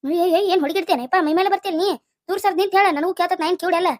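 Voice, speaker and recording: A woman's voice: sits high, fairly even intonation, racing, a little mellow, natural voice. A woman doing a cranky deaf old granny. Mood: scolding. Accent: North Karnataka Kannada. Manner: scolding, rambling, insists she is not deaf. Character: cranky hard-of-hearing old grandmother. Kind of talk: cartoon comedy voice acting.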